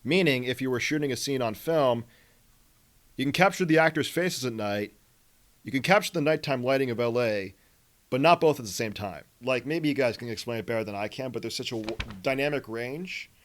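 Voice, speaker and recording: A man's voice: medium pitch, a little fast, fairly bright tone. A man hosting a film podcast, explaining movie trivia in a rambling way with many fillers. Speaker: podcast host. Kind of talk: casual film discussion.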